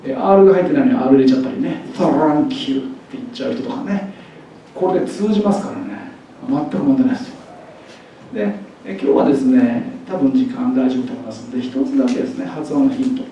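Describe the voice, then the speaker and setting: A man's voice: mid-range voice, fast talker, highs cut off, a little hiss or hum. Guy giving a jokey lecture, acting out sounds, super echoey hall, mic kinda far off. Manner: jokey, animated, demonstrates pronunciations aloud. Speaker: university lecturer. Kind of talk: faculty development lecture.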